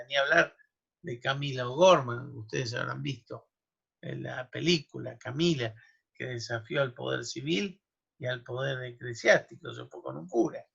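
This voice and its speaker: A man's voice: medium pitch, vocal fry, a bit bright, slightly rough. A man giving a university law lecture, explaining history and running through lists of names and dates with asides to his students. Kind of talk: academic lecture. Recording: dull lo-fi recording.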